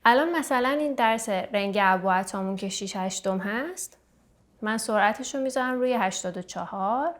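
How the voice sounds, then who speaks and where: A woman teaching santur, patiently explaining meter and counting beats aloud between her explanations. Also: on the high side. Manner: counts beats aloud and sings note names; patient, explanatory, with fillers and restarts. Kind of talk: music lesson explanation.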